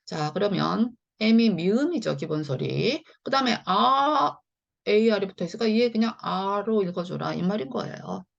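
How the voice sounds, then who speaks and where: A woman's voice: medium pitch, animated, normal speed, vocal fry. Woman doing a phonics lesson, chatty, kinda dull lo-fi sound, voice bounces around a lot. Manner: chatty, repeats "자" and "네" often, explains step by step. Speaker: English phonics teacher. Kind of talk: explanatory online lesson.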